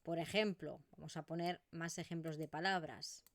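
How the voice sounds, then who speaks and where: A woman's voice: sits low, fairly even intonation, moderate pace, no room sound. A woman with an Eastern Catalan accent teaching pronunciation in an online video lesson, modelling vowel sounds as she explains.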